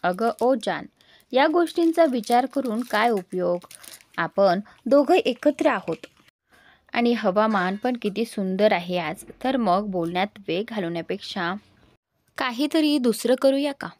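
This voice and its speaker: A woman's voice: mid-range voice, expressive, a little slow, darkish tone. A woman voicing a young actress girlfriend who coaxes and mixes English words into her speech. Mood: coaxing.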